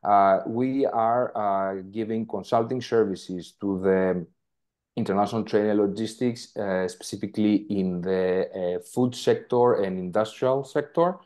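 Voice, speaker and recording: A man with a lowish voice speaks English on a video call. He introduces his consulting work. He pauses often on "uh" as he searches for words. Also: darkish tone. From Greece. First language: Greek. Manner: hesitant, many "uh" fillers. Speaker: trade consultant. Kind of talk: online meeting introduction.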